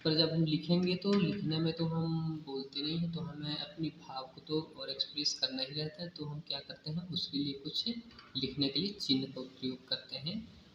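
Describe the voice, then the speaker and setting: A man's voice: a little high, fairly even intonation, moderate pace. Man teaching in an echoey room. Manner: repeats questions and answers them himself, with frequent "okay". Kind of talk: classroom-style grammar lesson. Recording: echoey, dull lo-fi room recording with faint hiss.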